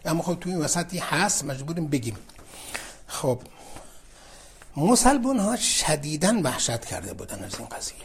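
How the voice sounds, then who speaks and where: A man with a somewhat high, husky voice tells a religious story in a relaxed, conversational way. He slips into the voices of the people in the story as he retells their exchanges. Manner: conversational, acts out dialogue with shifts in pitch. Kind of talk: informal religious storytelling lesson.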